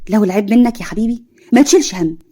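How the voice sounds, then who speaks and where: A woman's voice: mid-range voice, expressive, rapid-fire, mellow, slightly rough. A woman voicing a blunt, scolding older Egyptian mother-in-law. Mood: scheming.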